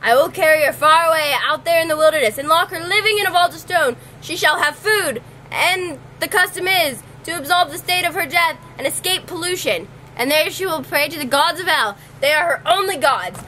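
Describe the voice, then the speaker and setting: A woman's voice: extremely high pitch, a little fast, pushed and bright, slight background noise. A young woman playing a stern, wrathful tyrant king in an amateur stage scene, commanding and swearing oaths. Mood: cold.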